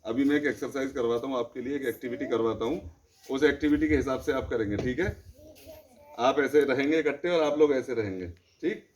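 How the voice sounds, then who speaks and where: A man's voice: medium pitch, brisk. A man teaching a class, firmly directing and correcting his pupils. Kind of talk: classroom instruction. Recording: noisy classroom.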